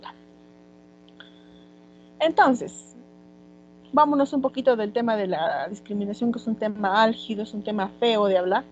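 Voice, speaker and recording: Peruvian woman teacher, chatty with lots of fillers, mid pitch, dull audio with faint hum. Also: a little mellow. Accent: Peruvian Spanish. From Peru. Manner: conversational, many fillers like "este". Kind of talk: online class lecture.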